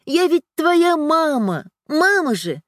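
A woman's voice: high-pitched, sing-song, takes it slowly, no room sound, clean studio sound, pitched above the performer's own voice, heavily acted. A woman voicing a middle-aged mother who talks firmly and steadily, scolding and tender at once, in a storybook reading. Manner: firm, scolding yet tender. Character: firm loving middle-aged mother, teasing and protective.

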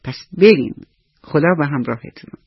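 A woman voicing a kind, lonely old man in a radio bedtime story. He talks softly and slowly, with a husky edge. The sound is dry and dull, like an old radio broadcast. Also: low voice, expressive, no echo, heavily acted. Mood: gentle.

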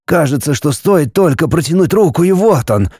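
A man reading a novel aloud and voicing a driven, stubborn male scientist with a calm, reassuring manner. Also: on the high side, moderate pace, husky, no echo, studio quality, pitched above the performer's own voice. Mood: persuasive, reassuring. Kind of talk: audiobook character reading.

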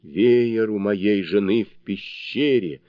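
A man voicing a huge bull demon king who has been defeated, pleading in a low, subdued, lowing voice. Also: slow pace, no echo. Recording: dull lo-fi dry recording.

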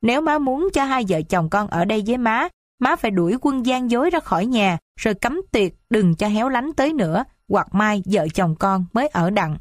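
A woman's voice: on the high side, animated, normal speed, no room sound, studio quality, close to an everyday voice. A woman voicing a devoted young mother of noble birth in a read-aloud story, pleading and heartfelt. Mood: earnest. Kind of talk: audiobook character reading.

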